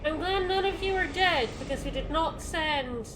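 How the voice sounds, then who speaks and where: A woman's voice: high-pitched, normal speed, noisy background. A woman chatting casually as co-host of a video game playthrough, wry, joking and free with swearing. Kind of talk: casual gameplay banter.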